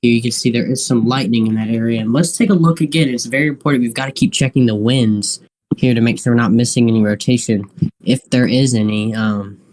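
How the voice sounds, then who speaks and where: A man with a mid-pitched voice hosts live weather coverage. He speaks off the cuff and haltingly, often circling back over the same phrases as he thinks aloud. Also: a little mellow, rough recording. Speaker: live weather stream host. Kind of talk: unscripted live weather commentary.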